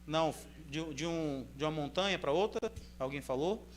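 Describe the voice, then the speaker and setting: A man with a Brazilian accent, reading scripture aloud in measured phrases and then explaining it in a loose, conversational sermon style. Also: on the high side. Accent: Brazilian Portuguese. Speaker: preacher. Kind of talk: Bible reading and informal sermon commentary.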